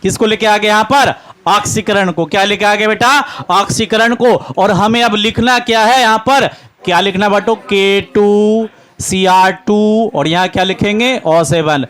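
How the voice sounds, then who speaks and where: A man's voice: high voice, normal speed. A man with a Bihari Hindi accent teaching a chemistry lesson, constantly asking his class questions and answering them himself, calling the students "beta". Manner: grows louder and excited, cheering students on. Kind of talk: classroom lecture, call-and-response.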